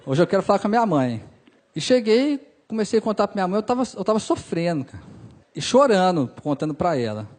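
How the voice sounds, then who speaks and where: A man's voice: high-pitched, big pitch swings, quick pace. A young man with a Brazilian Portuguese accent, telling a personal story on stage and acting out the dialogue with emotion. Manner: emotional, acts out dialogue, drops soft for sad parts.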